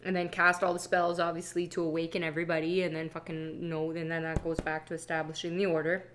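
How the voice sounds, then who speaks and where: A woman's voice: sits low, flat delivery, quick pace, heavy background noise. A woman talking candidly in a rambling, profane, stream-of-consciousness monologue, often restarting and trailing off. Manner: restless, frequent restarts and trailing off. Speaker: vlogger.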